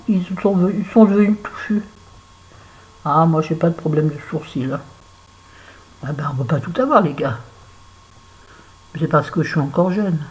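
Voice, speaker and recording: Chatty French woman with a dark voice. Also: low-pitched, slight background noise, poor audio. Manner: chatty, talks to herself while working. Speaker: beauty vlogger. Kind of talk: casual make-up tutorial chat.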